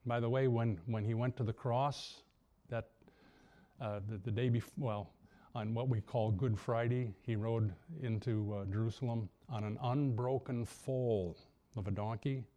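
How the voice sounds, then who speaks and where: Mellow-voiced man preaching a halting sermon. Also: steady tone. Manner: halting, many restarts, rises high for emphasis. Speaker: pastor.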